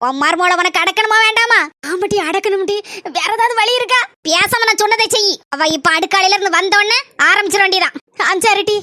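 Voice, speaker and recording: A woman plays a scheming cartoon mother-in-law who talks fast and scolds in a Kanyakumari Tamil accent. The voice is very high and sharp. It sounds dry and close to the mic. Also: no room sound. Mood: plotting. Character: scheming village mother-in-law and her gossiping friend.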